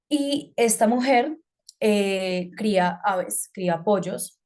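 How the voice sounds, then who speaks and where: A woman from Colombia gives an online talk in a conversational way, hesitating and using fillers, and she asks about the slides. Her voice has a medium pitch and a darkish tone.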